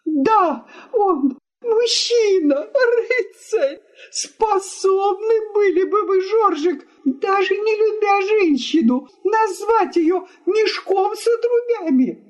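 A woman's voice: extremely high pitch, expressive, measured pace, darkish tone, voice pushed up. A woman reading aloud, voicing an indignant, tearful middle-aged wife who complains shrilly.

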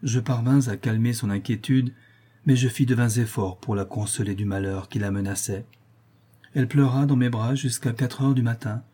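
A man narrating an audiobook of a classic novel in a measured storytelling voice. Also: medium pitch, dark tone, husky.

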